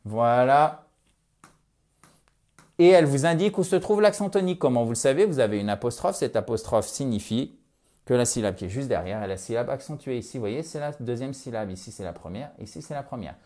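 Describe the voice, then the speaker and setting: A French-speaking man teaching English pronunciation with lively emphasis, stretching out his English demo phrases. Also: medium pitch, a little fast.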